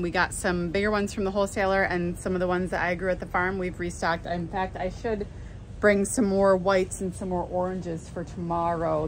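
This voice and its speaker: A woman's voice: lowish voice, slight background noise. Chatty American woman vlogging in a greenhouse. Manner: chatty and enthusiastic, many ums and restarts. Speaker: flower farmer and nursery owner. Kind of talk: casual vlog walkthrough. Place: large greenhouse nursery. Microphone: handheld phone at arm's length.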